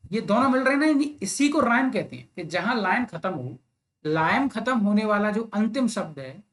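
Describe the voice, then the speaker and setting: Hindi-speaking teacher with constant check-ins. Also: male voice, high-pitched. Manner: explains step by step with frequent "right?" tag questions; reads English lines very slowly. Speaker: English literature teacher. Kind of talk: online exam-prep lecture.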